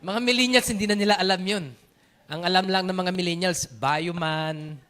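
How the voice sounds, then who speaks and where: A man with a Filipino accent preaching a sermon, animated, telling stories and switching between Tagalog and English. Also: high-pitched, moderate pace. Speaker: pastor.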